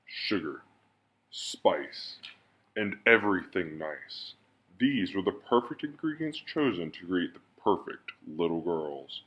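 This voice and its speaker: A man with a fairly low voice reads a dramatic cartoon opening. He takes it slow and weighty, like an announcer. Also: fairly bright tone. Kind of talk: dramatic cartoon-intro narration.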